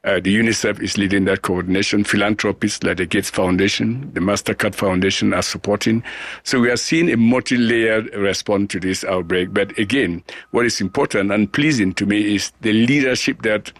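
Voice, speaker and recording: A middle-aged man from Cameroon, a global health scientist answering interview questions in an earnest, deliberate way with frequent restarts. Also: fairly low pitch.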